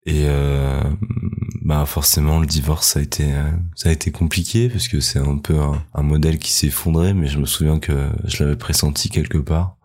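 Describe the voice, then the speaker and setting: A man of about thirty talks about his work and life in a very deep, low voice. He hesitates often, filling pauses and laughing between thoughts in an easygoing interview. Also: little pitch movement, a little mellow. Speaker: guest, heritage guide. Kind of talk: casual interview chat.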